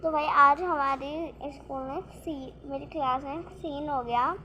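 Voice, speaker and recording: A young woman vlogger telling a rambling, excitable story about her day in casual chat. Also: high-pitched, measured pace, highs cut off, a little hiss or hum. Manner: rambling, restarts often, excitable retelling.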